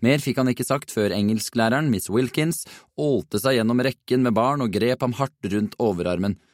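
A man narrating a children's storybook in an even, measured reading. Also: medium pitch, no room sound, studio quality. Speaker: audiobook narrator.

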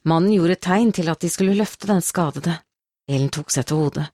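Low-voiced woman reading a novel. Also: warm tone, dry recording. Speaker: audiobook narrator. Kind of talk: scripted narration.

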